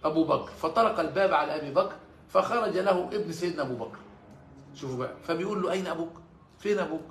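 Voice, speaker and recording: A man with an Egyptian Arabic accent, preaching and telling a story, animated, rising to emotional peaks when quoting. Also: on the high side, very fast, a little hiss or hum. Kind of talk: sermon storytelling. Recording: echoey room with faint ambience.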